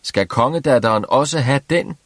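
A man's voice: mid-range voice, animated, a bit bright, slightly rough, dry recording, studio quality, voice pushed up. A man voicing two smug older brothers who mock their simple younger brother. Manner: scornful, mocking.

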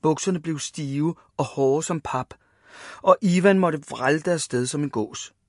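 A man reading a children's story aloud, lively and voicing the characters. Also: fairly high pitch, no room sound, studio quality.

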